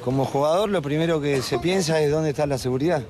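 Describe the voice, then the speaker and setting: A man speaks earnestly and in measured phrases about football as an interview guest. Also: a little high, darkish tone, faint music behind. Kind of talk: reflective interview answer.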